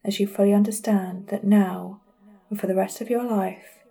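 A woman guiding a listener through a scripted hypnosis session, speaking in a slow, soothing, commanding way. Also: medium pitch, steady tone, creaky, dark tone.

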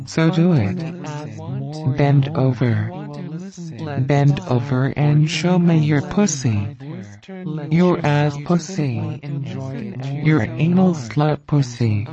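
A man narrating a hypnosis recording in a slow, commanding, repetitive way. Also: on the high side, muffled recording.

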